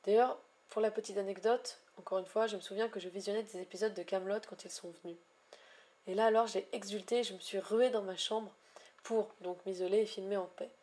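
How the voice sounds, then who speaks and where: A woman vlogging about her shiny hunts in a wordy, elaborate way, pausing often with hesitations and gushing affectionately at times. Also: medium pitch, steady tone, darkish tone. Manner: ornate, wordy phrasing with frequent hesitations. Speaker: Pokémon shiny hunter vlogger. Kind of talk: casual vlog narration.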